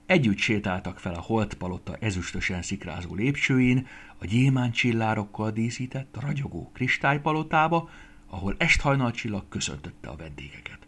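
A man narrating a children's fairy tale in a gentle, expressive reading voice. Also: lowish voice, breathy edge. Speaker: storyteller.

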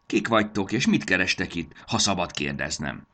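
A man voicing a cranky old male elf who guards a treasure room, with a creaky, unpleasant voice, loud, impatient and boastful. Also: low voice, animated, full character voice.

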